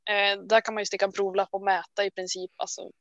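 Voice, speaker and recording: A woman co-hosting a casual chat, talking in a chatty, self-deprecating way full of quick restarts. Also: mid-range voice, level tone, fairly bright tone, no room sound, lo-fi sound. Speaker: podcast co-host. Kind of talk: casual chat about knitting.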